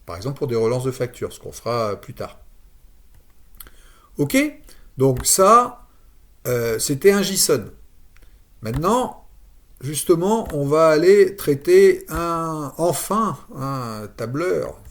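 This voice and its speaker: A man giving a screen-share software tutorial, thinking aloud with frequent fillers and restarts. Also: fairly high pitch, very animated, slow, long pauses. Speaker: automation tutorial presenter.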